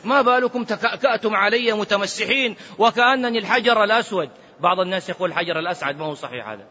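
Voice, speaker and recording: A man, a sheikh giving a lively religious lesson, switching between everyday speech and chanted quotations. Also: sits high, very fast. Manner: lively, mixes colloquial Arabic with quoted scripture, chants some phrases. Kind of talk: sermon-style religious lesson. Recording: lo-fi recording in a reverberant hall.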